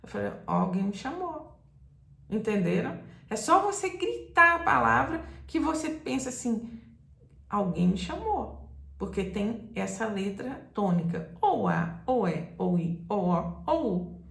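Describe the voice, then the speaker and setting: A woman teaching a grammar lesson, patient and repetitive, sometimes calling out words loudly to show the stressed syllable. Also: mid-range voice, sing-song, measured pace, gravelly. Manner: patient, repeats examples, calls out words loudly to demonstrate stress. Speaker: Portuguese teacher. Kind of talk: slow explanatory grammar lesson. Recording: echoey room.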